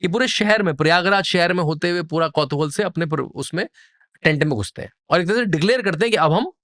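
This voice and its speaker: A man's voice: on the high side, animated, fast talker, fairly bright tone, no room sound, studio quality. A man, a podcast guest, explaining traditions in a vivid, descriptive way and building scenes with lists. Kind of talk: explanatory storytelling interview.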